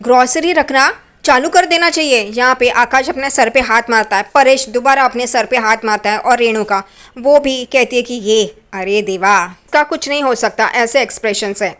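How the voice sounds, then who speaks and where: A woman retelling a story casually, slipping lively into the lines of the people in it. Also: a little high. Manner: lively, quick to slip into quoted lines. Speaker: recap narrator.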